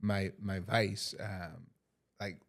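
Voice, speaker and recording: Gravelly, low-voiced man hosting a podcast. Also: fairly even intonation, very slow. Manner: loose and hesitant, lots of ums and uhs. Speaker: podcast host. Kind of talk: casual interview chat.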